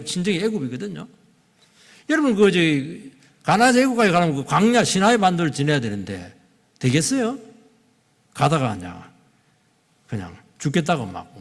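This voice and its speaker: A middle-aged male pastor delivers a sermon in a church sanctuary, his fairly high voice swinging widely in pitch. He acts out quoted dialogue with shifting voices. A husky edge sits on his voice, and the long reverb of the hall trails behind him.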